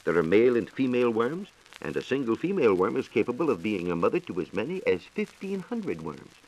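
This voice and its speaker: This is a science reporter, an American man, giving a declamatory, scripted radio talk in a 1940s studio. His medium-pitched voice has a darkish tone and big pitch swings, and he moves fairly quickly. Sound quality is low, with the hiss of a 1940s transcription disc.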